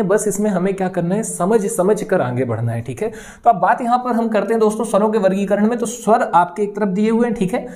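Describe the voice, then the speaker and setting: A man's voice: sits high, a little mellow. A man teaching an exam-prep grammar lesson, reassuring and often checking in with his students as he explains. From India. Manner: reassuring, repeats "okay" and "friends" often.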